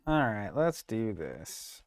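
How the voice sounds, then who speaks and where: A young man co-hosting a card game stream, trading dry, sarcastic deadpan quips. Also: lowish voice, takes it slowly. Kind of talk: casual playthrough banter.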